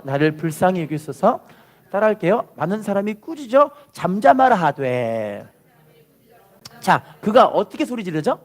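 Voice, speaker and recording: A man preaching a sermon as pastor, animated, asking the congregation to repeat after him and shouting at the peaks. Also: high voice.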